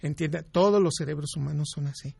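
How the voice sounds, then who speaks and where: A man's voice: on the high side, quick pace, creaky, a little mellow, husky, no echo. A man, a doctor guest in an interview, giving emphatic advice and explaining with examples.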